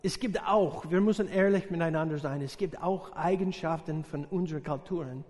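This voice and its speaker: A visiting missionary from the USA, a middle-aged man with a strikingly high voice, preaches a sermon in a language he learned later in life, with his native English accent showing. He pauses often, searching for words and filling gaps with "uh," while joking warmly with the congregation. The church hall gives his voice a long, echoing tail.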